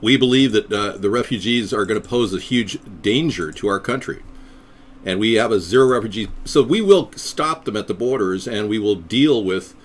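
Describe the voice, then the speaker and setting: With a fairly low pitch and normal speed, a middle-aged American man hosts a live stream as a third-party candidate. He rambles, stays sardonic, and lapses into silly voices.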